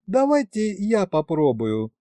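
A man's voice: sits high, wildly swooping pitch, takes it slowly, dark tone, dry recording, voice pushed up, full character voice. A man doing a coaxing young woman. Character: young woman pleading sweetly.

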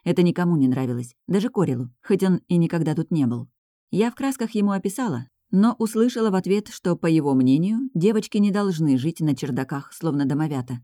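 A woman reading a first-person audiobook in a lively, sardonic storytelling manner, close to the mic. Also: on the low side, fairly quick, no echo. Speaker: audiobook reader.

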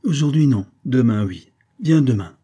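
Colibri, jeune femme capricieuse jouée par un homme. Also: male voice, mid-range voice, lively intonation, moderate pace, warm tone, husky, pitched above the performer's own voice. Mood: teasing. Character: capricious young woman, playful and fiery.

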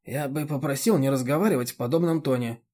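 Soft-spoken, polite older man, restrained, read by a male narrator. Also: mid-range voice, quick pace, lightly acted. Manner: quiet, restrained.

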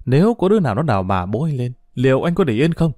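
A man voicing an irritable grown son in an audio story, scolding in a gruff, exasperated tone. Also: mid-range voice, very animated, quick pace, mellow, dry recording, studio quality. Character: irritable grown son caught between wife and mother.

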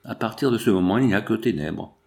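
A man voicing a gentle young wounded seamstress in a soft, faint way. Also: on the low side, fast, creaky. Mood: weak.

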